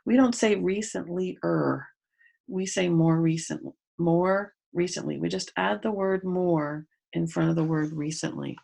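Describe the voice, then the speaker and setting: A woman's voice: on the low side, moderate pace, vocal fry, warm tone. A woman teaching a grade school grammar lesson to pupils at home, patiently explaining step by step and spelling out letters.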